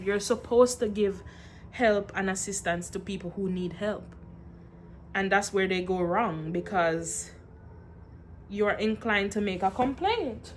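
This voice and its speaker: A young woman talks to her camera at home, tired but animated as she tells her story, sighing and laughing between points. Her voice sits at an everyday middle pitch. A faint noise hangs behind her. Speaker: vlogger. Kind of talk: casual venting vlog.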